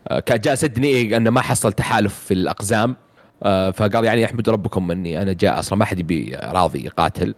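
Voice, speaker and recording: A man talks fast in a lowish voice as he retells a game's story. He rambles, full of fillers and half-finished words, in a relaxed chat between friends. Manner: rambling, many fillers and restarts. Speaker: video game reviewer. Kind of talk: casual chat recapping a game story.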